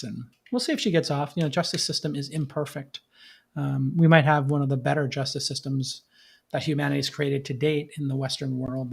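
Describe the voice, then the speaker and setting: A man's voice: medium pitch, vocal fry, slightly rough. A man hosting a podcast with off-the-cuff startup commentary, talking like an emphatic tech bro who repeats phrases for stress and leans on jargon. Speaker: podcast host.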